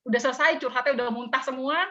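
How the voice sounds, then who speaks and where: Bright, rapid woman trainer on a call. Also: high voice. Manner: animated storytelling with playful sound effects. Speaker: personality trainer. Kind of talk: online training talk. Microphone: video call. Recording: dull lo-fi video call audio.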